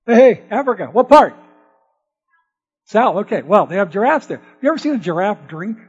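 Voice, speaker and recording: A man preaches to an audience, spinning a playful, folksy farm story and joking with the crowd. His voice sits high, swings widely in pitch, has a breathy edge and moves at a moderate pace. The audio is dull, with long hall reverb.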